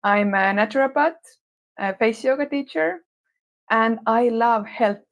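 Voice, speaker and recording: A woman's voice: fairly high pitch, measured pace. Woman co-hosting a podcast. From Estonia. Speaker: podcast co-host. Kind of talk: casual podcast conversation.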